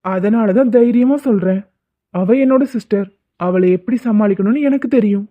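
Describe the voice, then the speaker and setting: A woman's voice: mid-range voice, moderate pace, close to an everyday voice. A woman voicing a confident young man in a cartoon drama, who talks in a teasing, commanding way. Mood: firm. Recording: dry, phone-like lo-fi.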